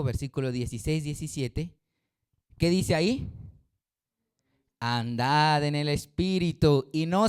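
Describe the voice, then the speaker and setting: A middle-aged man preaches a sermon in a somewhat high voice. He keeps quizzing the congregation in call-and-response, and his delivery jumps between loud, emphatic rises and quiet, low drops. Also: clean tone. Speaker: pastor.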